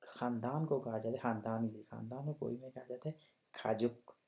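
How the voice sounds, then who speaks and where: A man's voice: mid-range voice, fairly even intonation, a little fast, gravelly, mellow. A man teaching a language lesson. He explains the textbook patiently, often checks that students follow, and repeats example words for pronunciation. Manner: patient, checks understanding with repeated tag questions.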